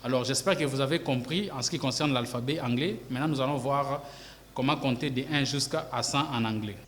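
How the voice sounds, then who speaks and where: A man's voice: medium pitch, fairly quick, a bit bright. A man teaching a language lesson, explaining each point carefully and repeating it in two languages. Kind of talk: bilingual classroom explanation. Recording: long reverb with faint hiss.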